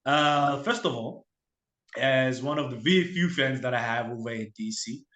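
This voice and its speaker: Relaxed male host in an echoey room. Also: mid-range voice. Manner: relaxed and informal, with filler pauses. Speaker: podcast host. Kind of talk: casual show intro and interview.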